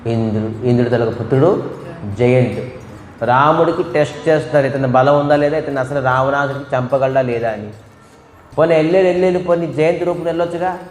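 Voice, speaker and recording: Animated male preacher in an echoey hall. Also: medium pitch, a little fast. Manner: animated, imitates crow and goat calls, asks and answers his own questions. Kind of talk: devotional storytelling sermon. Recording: echoey hall with faint music.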